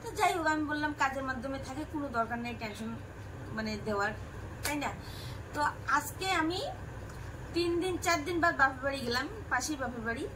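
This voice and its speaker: A woman's voice: high voice, fast, long pauses. A middle-aged woman with a Rajbanshi Bengali accent, chatting to her viewers and animatedly retelling family conversations. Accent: Rajbanshi Bengali of North Bengal. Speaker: family vlogger. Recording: distant mic with loud room noise.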